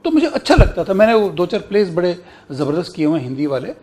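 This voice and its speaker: Speaking quickly in a voice that sits high, this middle-aged Kashmiri man, an actor and broadcaster from India, tells animated stories of his career. During the interview he plays out past exchanges as he quotes them.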